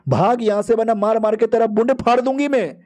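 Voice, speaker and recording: A blunt young woman who scolds and curses without holding back, told in a comic story recap, as a man puts her on. The voice stays high and mellow. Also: brisk. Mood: furious. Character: sharp-tongued young woman, the heroine.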